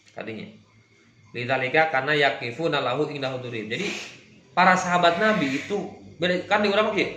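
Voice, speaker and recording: A man with a Sundanese accent gives a religious study lecture with a bright, slightly high voice. He reads Arabic phrases and glosses each one in turn. The sound carries a clear room echo. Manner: translates Arabic text phrase by phrase, mixing Indonesian and Sundanese. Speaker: religious teacher.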